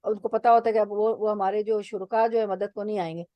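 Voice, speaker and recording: A woman teaching a religious lesson, explaining slowly and repeating each word with its meaning. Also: mid-range voice, level tone, no room sound, highs cut off. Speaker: Quran teacher.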